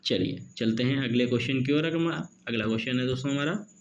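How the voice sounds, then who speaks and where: A man teaching an exam-prep literature lesson, mixing Hindi and English, reading questions out slowly and adding "okay" and "friends" often. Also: mid-range voice, highs cut off, a little hiss or hum. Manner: reads questions slowly, peppers with "ठीक है" and "दोस्तों".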